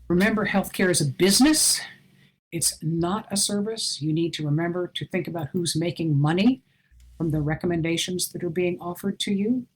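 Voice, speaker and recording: An older woman with a lowish voice gives an earnest, advice-filled online conference talk over a video call, adding self-deprecating asides. The audio is poor, with slight background noise.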